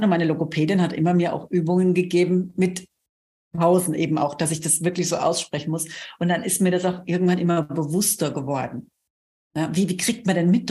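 A woman hosting a podcast, chatting casually and often adding quick tag questions. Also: lowish voice, darkish tone. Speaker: podcast host. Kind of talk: casual interview chat.

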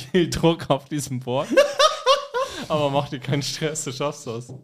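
A man's voice: a little high, background noise. A man co-hosting a casual comedy podcast, teasing his friends and laughing often. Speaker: podcast co-host. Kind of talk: casual chat.

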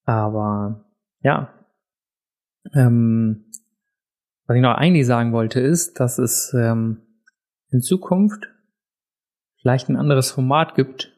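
A man's voice: mid-range voice, a little mellow. A man hosting his own podcast, chatting casually and self-deprecatingly with frequent filler sounds, seated indoors at a desk mic. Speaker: podcast host. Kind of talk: casual solo podcast chat. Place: seated indoors in a room set up for recording. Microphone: podcast mic on a desk, also filmed for video.

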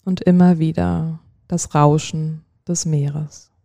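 Guiding a relaxation session, a sleep-story narrator speaks in a very dark, soft-edged voice, slow and soothing, leaving long pauses between short phrases. The pitch holds even and slips into a gentle creak, with no echo.

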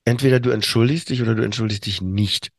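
A man's voice: on the low side, fast talker, dry recording. Reflective middle-aged man, dry close sound. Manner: reflective, with many fillers and restarts. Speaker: podcast co-host. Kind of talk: casual chat.

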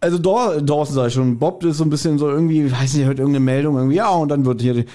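Co-hosting a podcast, a man chats casually while recapping an audio drama episode, slipping into acted-out quotes as he retells it. His voice is fairly high-pitched and mellow, and he talks at a racing pace.

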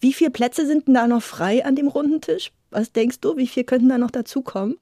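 A woman's voice: high voice, brisk, dark tone, no echo, clean studio sound. Enthusiastic woman podcast host. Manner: enthusiastic, talkative. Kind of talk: casual interview talk.

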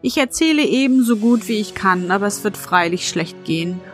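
A woman voicing a kindly, croaking female crow who speaks haltingly and deliberately. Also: mid-range voice, lively intonation, faint music behind, lightly acted. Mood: croaky, earnest.

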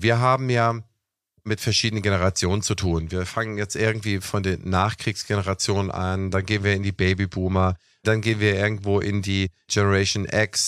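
Low-voiced young man, chatty. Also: fairly bright tone, clear, resonant tone, no room sound, clean studio sound. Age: young adult. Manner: chatty, explanatory, with fillers like "ne?" and "was weiß ich". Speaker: podcast host. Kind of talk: casual talk show discussion.

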